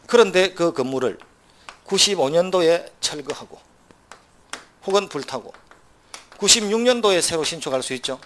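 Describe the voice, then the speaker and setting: A man's slightly high voice runs through a law exam lecture at a brisk clip. He keeps firing either-or questions at the class and slipping in dry, joking asides. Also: expressive, fairly bright tone, slight background noise. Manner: brisk, quizzing students with rhetorical either-or questions; wry asides with short laughs.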